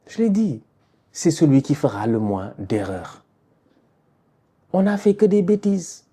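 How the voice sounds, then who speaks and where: Mellow, husky man venting in bursts, casual reaction talk. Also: on the high side, sing-song, a little slow. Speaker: football fan reacting.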